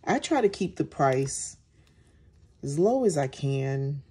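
Woman, low pitch, slow pace, casual demonstration narration, relaxed manner. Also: husky. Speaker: soap maker and host. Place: indoors at home, at a work table.

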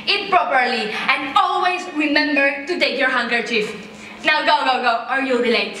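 A distant, heavily echoing stage recording of a woman acting an overbearing comic mother. The voice is high and forceful. She scolds and orders with theatrical, repeated emphasis. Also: normal speed. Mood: bossy. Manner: bossy, theatrical, emphatic repetition. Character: overbearing, scolding, dramatic mother of grown children. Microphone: far camera. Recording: very echoey theater stage, distant mic, faint noise.

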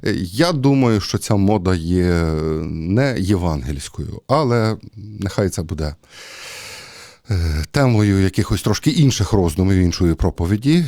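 A man with a low, mellow voice preaches a homily in an easy, talky way. He stops often with fillers as he thinks aloud. The sound is close and dry, with no room echo. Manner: conversational, hesitant with many fillers. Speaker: priest. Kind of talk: sermon.

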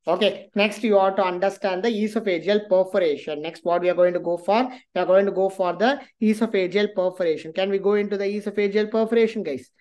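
A woman's voice: mid-range voice, fast talker, few pauses, darkish tone. South Indian Tamil-accented woman lecturing, repetitive. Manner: repetitive, emphatic, checks in with listeners. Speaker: medical lecturer. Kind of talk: exam revision lecture with repeated key phrases.

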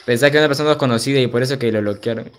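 Streaming a game, this young man keeps the chat with viewers loose and slangy, laughing frequently and reading messages out loud. He talks rapid-fire in a mid-range voice, with faint music behind him.

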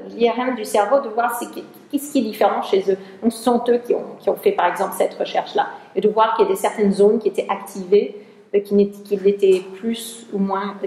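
A woman researcher lectures to an audience with a gravelly, creaky edge to her mid-pitched voice. She often gropes for the right word and restarts sentences. The hall gives her voice a roomy echo. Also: darkish tone. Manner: searching for words, frequent restarts. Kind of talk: conference talk.

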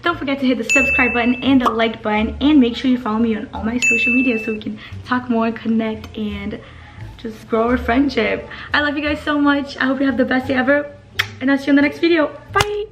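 A woman's voice: on the high side, steady tone, brisk, dull audio, background noise. A young woman vlogger chatting to her viewers in a bubbly, giggly way. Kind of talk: casual vlog chat. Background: background music.

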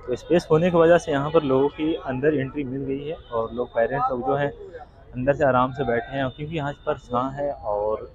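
In dull, lo-fi phone audio with crowds chattering around him, a young man in his twenties talks at a moderate pace in a medium-pitched voice. He walks outdoors through city streets and into a busy restaurant, holding his phone at arm's length and narrating his vlog casually and repetitively.

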